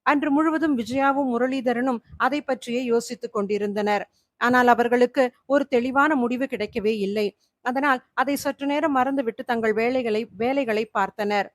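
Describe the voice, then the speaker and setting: Woman horror-story narrator, steady and dramatic; highish voice, dry close mic. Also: moderate pace, dry recording.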